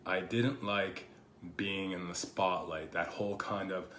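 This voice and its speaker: Hosting his own show, a man with a lowish, slightly hoarse voice, still recovering from a cold, muses in a casual, rambling monologue, often pausing on "you know" as he thinks aloud. His tone is a bit bright with fairly even intonation, and the delivery feels personal rather than polished. The room is echoey, with a faint hiss in the background.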